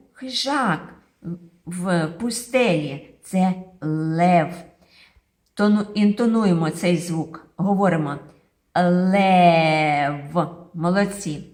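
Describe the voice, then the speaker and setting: Lady teacher doing a phonics lesson for little kids, slow and singsong, voice bouncing all over the place. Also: medium pitch, darkish tone. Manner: slow, singsong, drawn-out sounds for children. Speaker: kindergarten teacher. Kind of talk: phonics lesson for small children. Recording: very echoey room.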